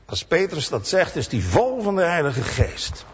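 A man preaching a sermon in a church, slow and emphatic, acting out the cries of the people in his story. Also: on the high side, big pitch swings, breathy edge. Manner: slow, emphatic preaching with dramatic voiced quotes. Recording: dull sound with long church reverb.

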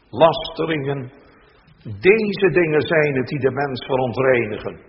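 A man reads scripture from the pulpit in a slow, weighty cadence. His emphasis climbs on key phrases, and his voice rings through a long church reverb. The recording is dull and slightly muffled, with faint background noise. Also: medium pitch. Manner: slow, solemn reading with rising emphasis. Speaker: pastor. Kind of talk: scripture reading in a church service.

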